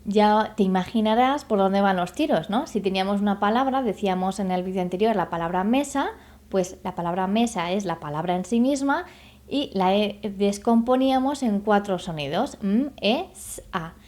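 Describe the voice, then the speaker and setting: A woman speech therapist giving an online lesson, explaining patiently, sounding out syllables slowly and checking in with the viewer. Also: mid-range voice, darkish tone. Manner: addresses the viewer directly with checking questions. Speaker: speech therapist teaching a course.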